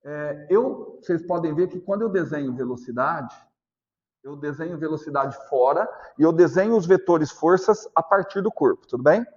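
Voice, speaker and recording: A man's voice: fairly high pitch, lively intonation, a little mellow, a little hiss or hum. Brazilian man teaching physics, lo-fi. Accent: Brazilian Portuguese. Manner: asks constant check questions, repeats points slowly. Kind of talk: classroom lecture.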